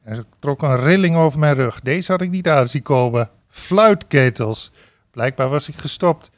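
A man reading a comic story aloud on a talk show, switching to loud sung party chants and laughing along. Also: on the high side, no room sound. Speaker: reader of a book passage on a talk show.

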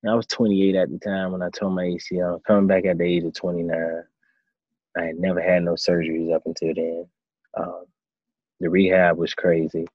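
A man in his thirties, a former quarterback turned coach, answering interview questions in a relaxed storytelling way. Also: deep voice, brisk, no echo, dull audio. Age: 30s. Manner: relaxed storytelling, acts out his own past thoughts.

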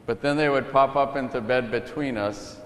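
A middle-aged man, a priest, reading the gospel and giving a calm storytelling sermon. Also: medium pitch, normal speed. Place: church. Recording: echoey church from a distance.

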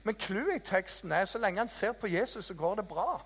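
A man preaching a sermon in a church hall, telling stories in a lively, self-mocking way. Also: high voice, slightly rough. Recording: reverberant hall.

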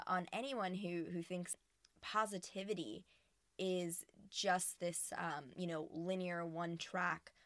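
A woman's voice: on the low side, a bit bright, no echo. A woman hosting her podcast in casual, earnest chat, recorded inside a small empty closet. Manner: chatty and earnest, with frequent restarts. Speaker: podcast host. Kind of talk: casual solo podcast talk.

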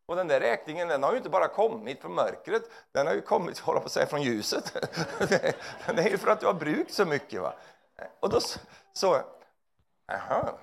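A male preacher with a deeply gravelly, creaky voice delivers an animated, humorous sermon. His pitch sits a little high and leaps all over as he jokes. He keeps tossing quick tag questions at the congregation. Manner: animated, joking, tags lines with "va?".

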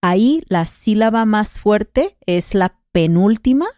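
A woman's voice: medium pitch, lively intonation, slow, a little mellow, no echo, clean studio sound. A woman co-hosting a conversational Spanish lesson podcast, patiently explaining grammar rules with examples.

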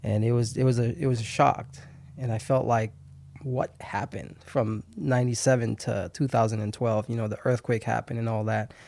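A man's voice: mid-range voice, flat delivery, moderate pace, vocal fry, darkish tone. A man in his thirties from Haiti, a guest chatting easily in an interview, laughing often and restarting his sentences. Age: 30s. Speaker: podcast guest. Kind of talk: casual interview chat.

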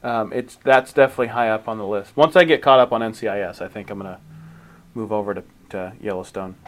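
A man co-hosting a podcast, chatting casually and often restarting his sentences. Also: lowish voice. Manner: halting, restarts often, rates things plainly. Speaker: podcast co-host. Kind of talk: casual chat.

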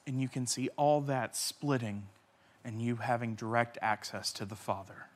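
A man pastor preaching a sermon with passion, swinging between loud cries and hushed near-whispers, repeating key phrases for emphasis. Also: medium pitch, steady tone, normal speed.

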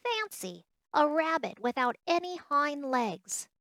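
A woman voicing a bold, lively male wild rabbit in a storybook reading, with a teasing, bouncy, mocking manner. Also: a little high, measured pace, no room sound, studio quality.

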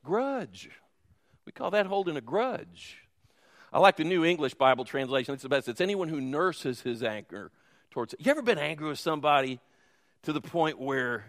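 A pastor's voice, on the high side, comes across pushed and bright as he preaches in a church sanctuary with a reverberant sound. He talks conversationally, asking the congregation questions and trading jokes with them.

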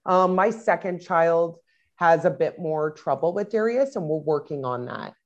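Woman, thirties, low-pitched, chatty interview guest, filler-heavy delivery, muffled lo-fi call audio. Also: unhurried. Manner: rambling, many fillers and restarts. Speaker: parent guest. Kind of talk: casual interview talk. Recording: dull lo-fi sound.

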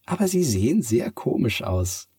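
A man's voice: mid-range voice, big pitch swings, dark tone, slightly rough, no room sound, clean studio sound, pitched above the performer's own voice. A man voicing a sly, kind talking cat from the moon in a bedtime story, purring and teasing. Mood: gentle. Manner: purring, drawn-out teasing delivery.

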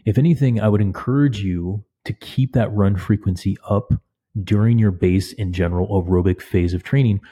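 A man hosting a training podcast, speaking into a studio mic with a husky, crackly voice from a cold. His tone is low and mellow, and he gives advice in a measured way with the odd filler. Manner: measured, advisory, with some fillers. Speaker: podcast host and cycling coach. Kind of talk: podcast monologue answering listener questions.

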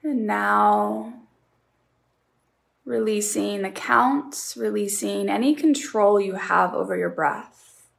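A woman guiding a relaxation meditation, counting breaths slowly and leaving long pauses between short phrases. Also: medium pitch, gravelly.

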